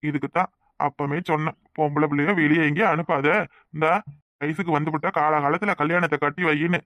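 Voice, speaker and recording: A man's voice: on the high side, level tone, fast talker, fairly bright tone, no echo, lightly acted. A man voicing a preachy gossiping village uncle. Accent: Kanyakumari Tamil. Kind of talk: cartoon voice acting.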